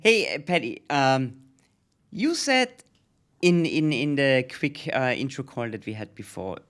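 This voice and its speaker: Brief: male host, mid-pitched, talkative and teasing, casual interview chat. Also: sing-song, a little slow, a bit bright. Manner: chatty, teasing, friendly.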